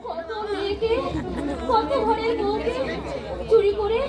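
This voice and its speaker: A woman playing an ailing, remorseful brothel matriarch in stage melodrama, speaking haltingly and repeating phrases in anguish. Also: very high-pitched, level tone, a loud crowd. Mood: anguished, weak. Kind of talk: melodramatic Bengali folk stage acting. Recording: echoey hall, distant stage mics, loud music.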